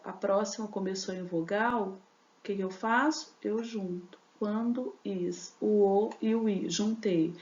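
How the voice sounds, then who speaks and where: A woman's voice: medium pitch, darkish tone. A woman teacher, explaining a lesson step by step with many fillers and tag questions. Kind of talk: recorded class lesson. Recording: echoey dull lo-fi room recording.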